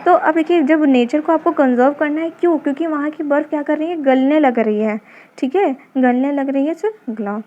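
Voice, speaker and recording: A woman's voice: high voice, moderate pace. A woman teaching an exam-prep lesson, explaining memory tricks patiently and answering her own questions. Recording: dull lo-fi recording.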